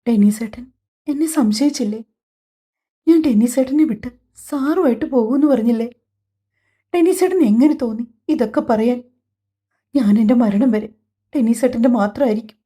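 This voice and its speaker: A woman voicing a gentle young pregnant wife in a family audiobook, speaking in a pleading, tearful way. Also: medium pitch, lively intonation, normal speed, long pauses, lightly acted. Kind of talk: audiobook dialogue.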